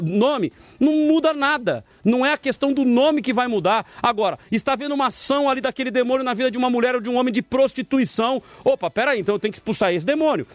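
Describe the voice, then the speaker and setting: A pastor hosting a studio talk show, his voice sitting unusually high and racing along at a quick clip. He tells stories with animation and presses his points home like a preacher, recorded close and dry with no room sound. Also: dry recording. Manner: animated storyteller, emphatic and exhorting. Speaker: pastor and debate show host.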